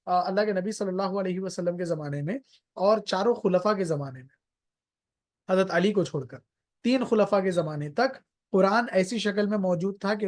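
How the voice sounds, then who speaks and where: A tajweed teacher giving an explanatory religious lesson, patiently defining terms one by one with everyday examples and slowing down on English phrases. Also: mid-range voice, darkish tone. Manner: slows down sharply on English phrases.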